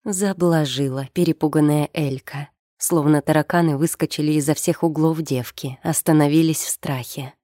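A woman narrating an audiobook with measured, expressive storytelling. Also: sits low, no room sound, clean studio sound. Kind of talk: scripted narration.

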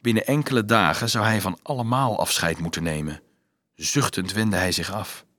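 A man narrating a storybook aloud in an expressive, animated reading. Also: fairly low pitch, moderate pace, no echo, clean studio sound. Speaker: audiobook narrator.

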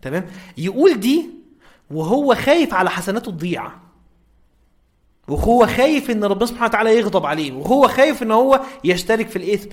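A man's voice: high-pitched, big pitch swings, quick pace. A man with an Egyptian accent giving an informal religious lecture, checking in with his listeners often. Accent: Egyptian Arabic.

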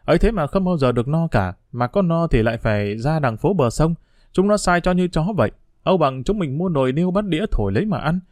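Tích, a level-headed orphan boy as a man voices him, explaining and gently scolding in a steady, even voice close to the reader's own. The sound is dry and close, with no echo, in a storybook reading. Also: a little high, fast, lightly acted. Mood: reasoning. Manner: calm, reasoning, mildly scolding. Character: sensible thrifty street boy, calm leader.

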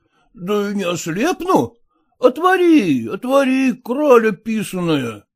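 A man's voice: huge pitch swings, slow, heavily acted. A man doing a pushy, drawling merchant. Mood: insistent. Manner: low, insistent, drawling. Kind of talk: audiobook character voice.

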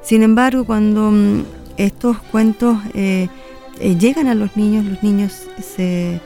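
A woman guest on a radio show, talking in a thoughtful, halting way. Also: mid-range voice, fairly even intonation, mellow, faint music behind. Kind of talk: radio interview.

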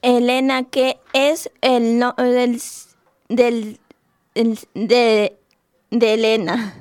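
A woman's voice: fairly high pitch, flat delivery, extremely slow, a little mellow, clean tone, no room sound, studio quality. A woman hosting a radio interview in a friendly way, stumbling a little over her words. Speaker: radio host.

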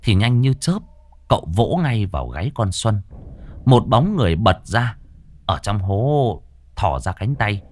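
A man's voice: on the low side, sing-song, measured pace, a little mellow. A man telling a ghost story in a dramatic, suspenseful way.

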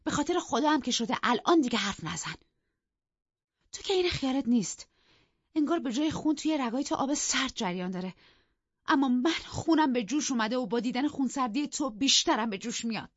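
Lady doing a screechy raging young noblewoman in an audiobook, way up high and loud, dull lo-fi sound. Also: lively intonation, slightly rough, dry recording. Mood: furious. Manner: shrill, shouting outbursts. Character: furious young noblewoman, hysterical and willful. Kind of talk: audiobook character reading.

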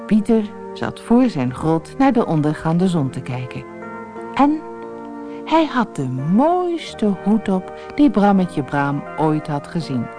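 A woman reading a children's fairy tale aloud as a narrator, in a slow, lively storytelling manner. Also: on the low side, over music.

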